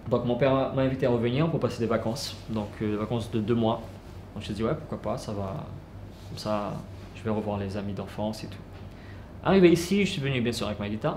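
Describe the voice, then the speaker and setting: A man telling his life story casually, unhurried, with many fillers and restarts. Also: on the low side, a little mellow. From French Guiana. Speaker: musician. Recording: roomy with clear background noise.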